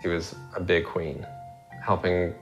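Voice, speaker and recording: A man from Long Island, New York, recalling school in a frank, unhurried way. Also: sits low, little pitch movement, muffled recording, faint music behind. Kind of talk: casual interview.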